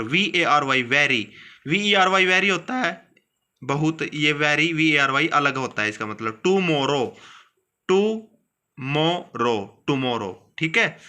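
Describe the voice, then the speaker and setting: A man teaching a steno class, explaining rules step by step and repeating words slowly. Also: on the high side, pushed and bright.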